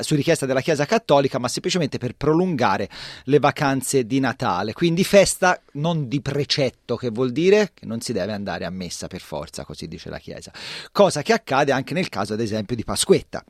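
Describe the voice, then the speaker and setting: A man's voice: mid-range voice, no echo, clean studio sound. A man co-hosting a radio programme, explaining things in a conversational, semi-scripted style. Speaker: radio co-host. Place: radio studio.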